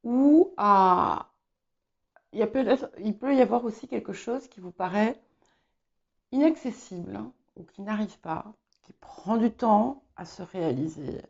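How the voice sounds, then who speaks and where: A woman giving a spoken tarot reading, hesitant and filling pauses as she talks. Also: medium pitch, lively intonation, creaky, highs cut off. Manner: hesitant, many fillers and restarts. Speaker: tarot reader. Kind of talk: casual spoken tarot guidance.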